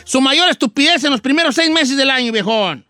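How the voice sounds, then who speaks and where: A man's voice: very high voice, animated, a little fast, sharp tone, no echo, studio quality, full character voice. A man playing a brash, folksy radio host with a Mexican accent, bantering and teasing in slang. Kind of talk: lively live call-in radio banter.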